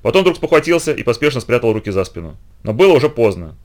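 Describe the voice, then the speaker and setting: A man reading a first-person story aloud, with expressive storytelling. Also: mid-range voice, fast talker. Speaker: narrator.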